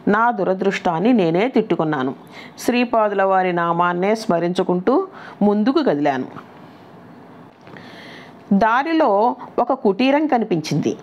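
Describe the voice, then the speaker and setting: A woman narrating a devotional scripture in a steady, reverent reading style. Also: mid-range voice, unhurried, long pauses. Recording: dull lo-fi recording.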